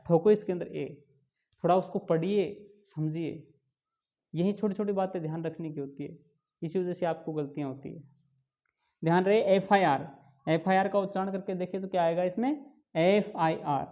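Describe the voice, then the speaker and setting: A man with a warm, mellow voice teaches a grammar lesson. He asks his students questions and answers them himself, stretching out each example word slowly and stressing the key points. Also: high-pitched, steady tone, dull audio. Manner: drawn-out slow pronunciation of examples. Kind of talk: classroom lesson explaining English grammar.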